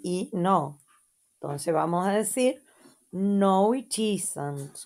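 A woman with an Argentine Spanish accent, teaching and reviewing English words for children patiently, checking in with soft "mm?" prompts. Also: medium pitch, animated, faint music behind. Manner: slow, patient, repeats words and adds checking "¿mm?". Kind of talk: slow lesson review for children.

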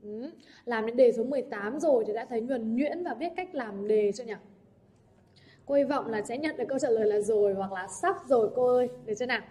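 A woman's voice: a little high, quick pace, mellow. A young adult woman teacher working through English exam answers, often checking in with the class through rhetorical questions. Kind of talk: exam answer walkthrough lesson.

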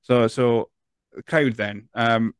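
Slow and smooth, with a mid-range voice and fairly even intonation, a Scottish podcast host in his thirties asks long, rambling questions that he keeps restarting. The casual interview chat is recorded dry in a home studio, with headphones and a large studio mic close up.

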